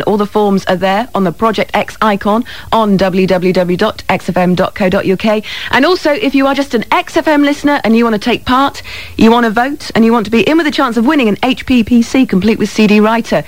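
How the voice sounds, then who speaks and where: A woman's voice: medium pitch, a little fast, no room sound. A British woman presents a music radio show in an informal, conversational way. She talks directly to listeners with little tag questions. The sound is close and dry, recorded in a radio studio. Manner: informal, often adds tag questions like "okay?" and "isn't it?". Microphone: close studio microphone.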